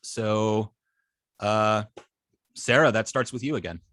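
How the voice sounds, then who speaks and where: This man's lowish, fairly bright voice comes through without echo as he gives an informal web design lesson. He stumbles often, restarting sentences and filling gaps with hesitation sounds.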